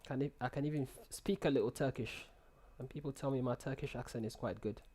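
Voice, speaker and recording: His voice is medium in pitch, mellow and slightly rough, and he talks at a quick pace. The young man is hosting a live trading stream on a headset in a small room, casually reading viewer comments and answering them with frequent restarts and word repetitions.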